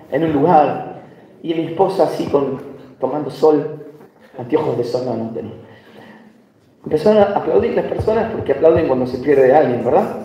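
A man's voice: a little high, lo-fi sound, a little hiss or hum. A man with an Argentine accent preaching a sermon, telling stories with light humor and asking the congregation questions. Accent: Argentine Spanish. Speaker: visiting pastor. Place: church hall. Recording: echoey hall from far off.

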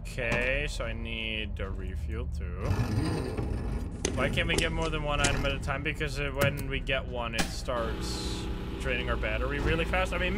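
A man livestreaming a video game with casual, reactive commentary, joking and talking back to the game. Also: mid-range voice. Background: loud game music.

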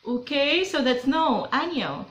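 A young Filipino vlogger from the Philippines chats to camera in a small bedroom, upbeat and playful, with a Filipino accent. Her voice sits high and is animated and brisk. The sound is reverberant, with the highs cut off.

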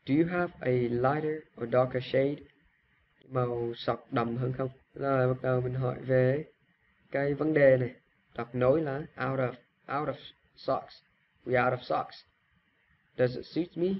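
A man's voice: medium pitch, highs cut off, slight background noise. A man with a Vietnamese accent giving a casual language lesson, reading shopping phrases aloud, repeating them and explaining with restarts. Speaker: English teacher.

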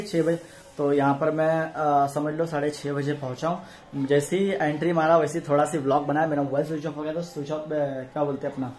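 A man's voice: a little high, slight background noise. A man, talking loosely and casually as a vlogger into a handheld phone. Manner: chatty, loose and conversational. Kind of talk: casual vlog narration.

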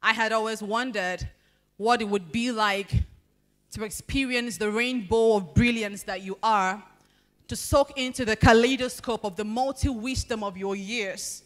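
At a podium in a large banquet hall, a young Nigerian woman performs spoken word poetry into a handheld microphone. Her slightly high voice moves through a measured, expressive recitation marked by deliberate pauses.

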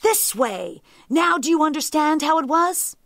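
A woman's voice: medium pitch, sing-song, a little slow, gravelly, pushed and bright, no room sound, studio quality, full character voice. A woman voicing a hungry, short-tempered male tiger in a folktale, emphatic, bossy and exasperated. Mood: losing patience. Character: hungry, impatient male tiger, easily enraged. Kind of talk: animal folktale storytelling.

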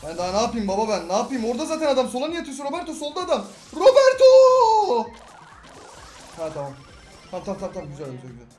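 A young man with a Turkish accent giving excitable live gameplay commentary, talking to teammates and viewers with sudden loud outbursts. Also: high-pitched, very fast, few pauses. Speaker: gaming YouTuber. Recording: roomy sound with game music behind.

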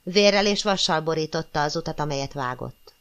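A woman narrating a classic novel as an audiobook, in a measured, expressive storytelling manner. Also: deep voice. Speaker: audiobook reader.

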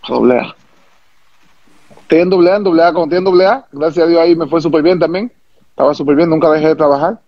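Man, Dominican accent, former pitcher, animated storyteller, repeats words, dry close recording. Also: no room sound, highs cut off. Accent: Dominican Spanish. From Dominican Republic. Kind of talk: interview storytelling.

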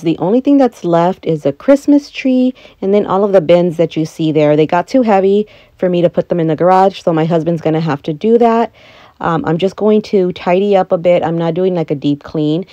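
Mellow-voiced woman chatting casually. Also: lowish voice, no echo, muffled recording. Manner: chatty, self-deprecating. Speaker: home vlogger. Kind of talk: casual voice-over chat.

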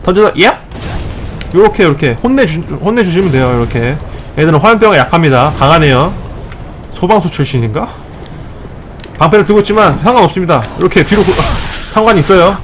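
A man with a slightly high voice narrates his gameplay like a tongue-in-cheek tutorial. He jokes with the viewer and scolds the enemies on screen, breaking into excited yelps mid-fight. A faint hiss of noise sits under the voice. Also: quick pace. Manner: excitable outbursts during fights. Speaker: gaming channel host. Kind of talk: let's play commentary.

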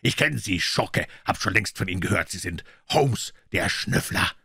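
A male reader voicing a huge, brutish older country doctor who shouts insults and threats in a raised voice. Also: low voice, expressive, moderate pace, creaky, husky, no echo, clean studio sound, heavily acted. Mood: taunting. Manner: shouting, insolent and menacing.

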